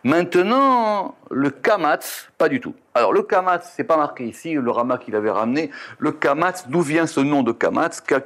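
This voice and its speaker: A man's voice: on the high side, animated, moderate pace, a bit bright. A man teaching a Kabbalah text lesson, reading Hebrew letter and vowel names and explaining them, often stopping to correct himself. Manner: reads Hebrew terms then explains in French, self-correcting.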